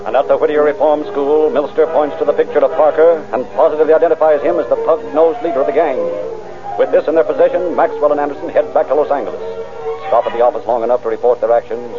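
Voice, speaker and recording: A man's voice: mid-range voice, quick pace, over music. A man narrating a police drama in a scripted, old-time radio style. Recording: very muffled old radio recording.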